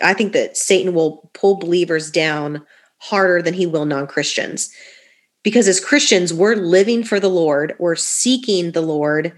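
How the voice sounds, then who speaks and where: A young woman talking earnestly in a casual podcast conversation, leaning on "like" fillers and repeating phrases for emphasis. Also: fairly low pitch. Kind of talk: casual podcast talk about faith and healing.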